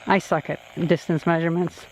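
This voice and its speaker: Speaking a little fast with a fairly high, steady voice, a man vlogs about his hobby outdoors in the countryside, sounding unsure of himself and poking fun at himself. The field recording carries plenty of outdoor noise.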